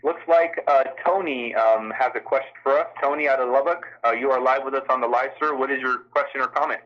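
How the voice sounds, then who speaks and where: A man who is a health system official moderates a call-in town hall, running a live question-and-answer session in a courteous, formal and somewhat hesitant way. His mid-range voice moves a little fast, heard over a dull telephone conference line.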